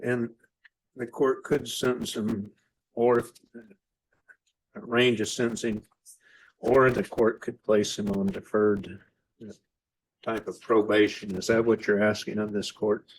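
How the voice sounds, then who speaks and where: A man questioning formally as a defense lawyer in a courtroom, with a deliberate, halting delivery. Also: lowish voice, flat delivery, a little hiss or hum, rough recording.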